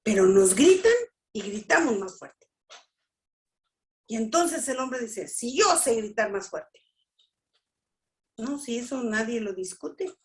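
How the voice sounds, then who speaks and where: Slow, emphatic woman preaching. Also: on the high side, expressive, darkish tone. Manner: slow, emphatic, with repeated "¿sí?" checks and acted-out quotes. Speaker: family workshop teacher. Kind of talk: preaching talk.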